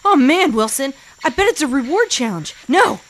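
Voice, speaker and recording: A woman's voice: sits high, big pitch swings, moderate pace, a little hiss or hum. A woman playing a sarcastic stranded castaway who talks to her volleyball companion. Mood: excited.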